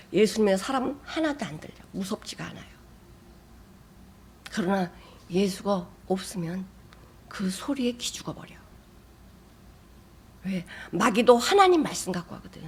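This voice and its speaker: A woman pastor giving a sermon, who swings from loud emphatic bursts to soft, near-whispered asides. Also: husky. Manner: emphatic, with sudden rises in pitch and loudness.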